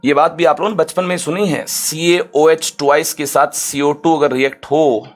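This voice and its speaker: A man teaching chemistry in an online lecture, lively and chatty, slowing down for careful English definitions and often checking in with his students. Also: on the high side.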